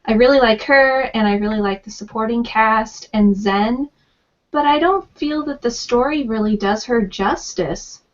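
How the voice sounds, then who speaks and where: A woman with a slightly high voice shares her opinions in a chatty, thoughtful way during an online group discussion. Her audio comes through a dull, lo-fi voice-call line. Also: a little slow. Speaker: panelist. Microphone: video call.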